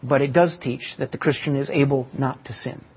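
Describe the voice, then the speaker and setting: Husky preacher, dull lo-fi recording. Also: male voice, medium pitch, fairly even intonation. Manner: teaching with illustrations and slow emphatic pauses. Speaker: pastor. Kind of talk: sermon.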